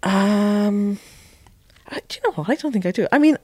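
A man as a podcast guest, chatting casually and telling gossipy, animated stories. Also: high voice, moderate pace, dry recording. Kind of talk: casual chat.

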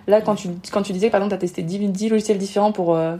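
A woman talking at a rapid clip as a podcast guest, blunt and emphatic. She dramatizes what people think in little acted-out asides. Her pitch sits in a middling range. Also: steady tone, mellow. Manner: rapid, emphatic, frank, acts out quoted thoughts. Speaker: guest, Instagram marketing expert. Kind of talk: podcast interview, advice.

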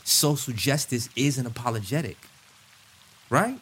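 A man's voice: mid-range voice, animated, measured pace, a bit bright, slight background noise. A man in a podcast discussion, talking in an emphatic, preacherly way and repeating phrases for weight. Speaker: podcast guest. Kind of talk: impassioned conversational preaching and discussion.

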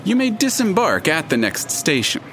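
A man's voice: high-pitched, huge pitch swings, moderate pace, a bit bright, slight background noise, full character voice. A man playing a wry, theatrical narrator character who speaks in an arch, pompous manner in an audio drama. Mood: arch, lofty.

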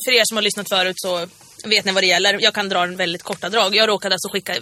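A hoarse woman co-hosting a podcast, chatting casually and quickly, often breaking into laughter. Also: mid-range voice, steady tone, pushed and bright, no room sound, studio quality. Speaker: podcast co-host.

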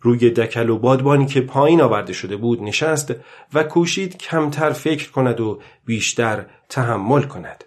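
A man reads a novel aloud in a calm, measured way, his voice at an ordinary middle pitch. The delivery is even and steady, suited to a long audiobook. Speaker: audiobook narrator. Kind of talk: scripted narration.

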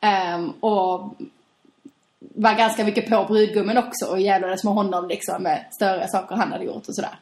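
A woman in casual conversation, telling a story in an animated way and laughing often. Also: mid-range voice. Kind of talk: casual chat. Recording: roomy echo.

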